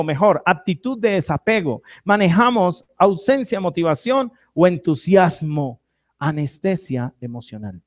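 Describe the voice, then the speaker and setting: A man preaching a sermon to a church congregation, asking questions and having them answer, swinging between loud and soft phrases. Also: on the high side. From Colombia. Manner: preaching with call-and-response to the congregation. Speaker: pastor.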